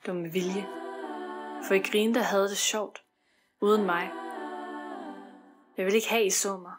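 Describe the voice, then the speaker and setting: Female poetry reader, mid-range pitch, hushed and brooding, over a music track. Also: steady tone. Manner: intimate, brooding recitation rising to anguished shouts.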